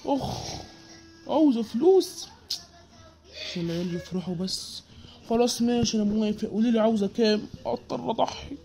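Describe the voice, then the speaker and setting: A man's voice: extremely high pitch, fast, creaky, pauses often, dark tone, faint music behind. A performer voicing a stingy, panicky Egyptian husband and father, with an Egyptian accent and dramatic wailing. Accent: Egyptian Arabic. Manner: penny-pinching, dramatic wailing.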